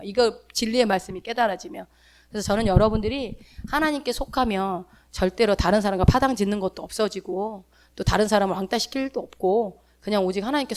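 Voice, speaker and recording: A woman pastor giving a sermon in a church, talking in a chatty, animated way with homely asides. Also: mid-range voice.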